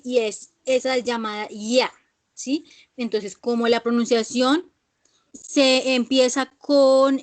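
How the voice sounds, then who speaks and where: A woman teaching an English grammar class, explaining patiently and checking in with "¿sí?" after each point. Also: a little high.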